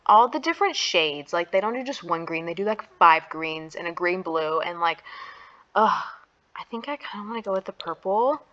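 A woman giving casual commentary while she builds in a life-sim game, gushing and excitable, full of slang. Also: on the low side, moderate pace, dull audio. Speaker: Sims builder and YouTuber.

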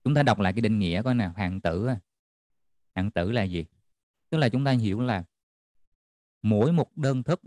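A man's voice: lowish voice, a little mellow, dry recording, studio quality. A man tutoring a math class online, checking in often with students as he explains. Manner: checks in often with students, repeating "được chưa?".

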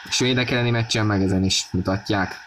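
A man giving football match commentary on a video game, excited and raising his voice at key moments. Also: on the low side, slight background noise. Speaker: sports commentator.

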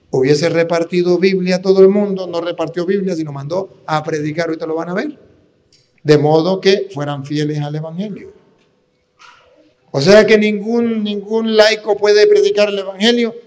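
Preaching priest in a reverberant hall. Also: male voice, on the high side, a little mellow. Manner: teaching, asks the audience questions. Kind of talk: sermon. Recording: long reverb of a large hall.

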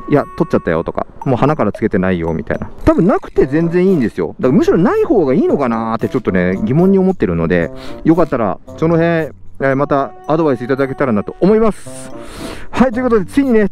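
A young man vlogs casually about his motorcycle gear in an outdoor parking lot, speaking from inside a full-face helmet through a helmet-mounted mic. His mid-range voice is a little mellow, and he's chatty, using lots of fillers and frequently stopping to correct himself.

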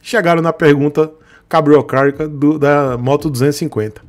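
A man with a Brazilian Portuguese accent, a motorcycle vlogger, rants casually to his live-stream chat. His voice sits a little high and stays steady, and he talks briskly, sarcastic and joking with frequent chuckles.

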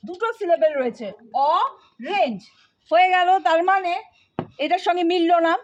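A woman with a very high voice and a Bengali accent teaches a spelling lesson. She explains patiently, one step at a time, and keeps checking that her students are following. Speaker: English teacher.

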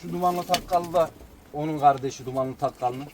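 A man's voice: fairly high pitch, brisk, a little mellow. A man, a bird breeder, informally describing his pigeons one by one in a matter-of-fact, respectful way, with cooing around him. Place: outdoors beside a pigeon coop. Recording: noisy outdoor recording with birds cooing. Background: cooing pigeons and outdoor noise.

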